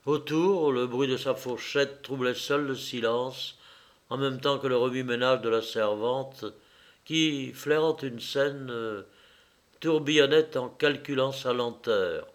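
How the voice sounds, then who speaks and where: A man narrates a classic novel at an unhurried, deliberate pace. His pitch sits in the middle range, and he reads in a measured, literary way. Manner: slow, measured literary reading. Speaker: audiobook narrator. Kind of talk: scripted narration.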